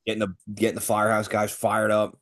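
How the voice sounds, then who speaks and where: An upbeat man co-hosts a sports podcast. His voice is fairly low, and it jumps up when he gets excited. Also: quick pace. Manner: eager and upbeat, rising excitedly. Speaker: podcast co-host. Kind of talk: casual sports podcast chat.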